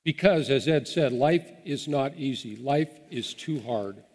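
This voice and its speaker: A man's voice: medium pitch, lively intonation, a little slow, a little mellow. A man preaching a sermon as pastor, earnest and encouraging, with small restarts as he talks. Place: church sanctuary. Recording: long hall reverb.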